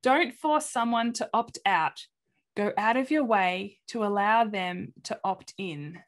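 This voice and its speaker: A woman with an Australian accent giving a webinar presentation over a webcam video call, animated and acting out quoted reactions in different voices. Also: medium pitch, takes it slowly. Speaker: presenter of an inclusion talk.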